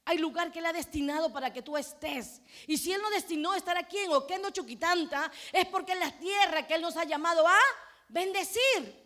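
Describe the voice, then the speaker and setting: A middle-aged woman pastor, preaching a sermon, shifting between hushed prayerful passages and loud fervent cries. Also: very high voice, a little fast.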